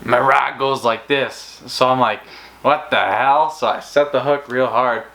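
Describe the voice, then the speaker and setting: A man's voice: mid-range voice, steady tone, a little slow, creaky, sharp tone, rough recording. A man co-hosting a fishing channel, telling stories in a casual, rambling way with many restarts. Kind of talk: casual storytelling chat.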